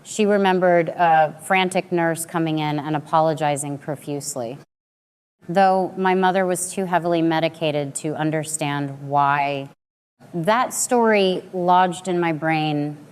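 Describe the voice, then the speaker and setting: A woman in her late twenties giving a measured, dramatic first-person story narration. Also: sits low, clear, resonant tone. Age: late 20s.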